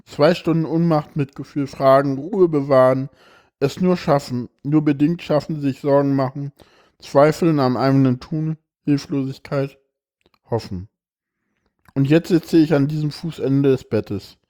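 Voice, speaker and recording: Man, podcast host, tired, halting with fillers, warm mellow tone. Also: medium pitch, steady tone. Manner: halting, many fillers, reads a text aloud with feeling. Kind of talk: casual podcast chat and reading aloud.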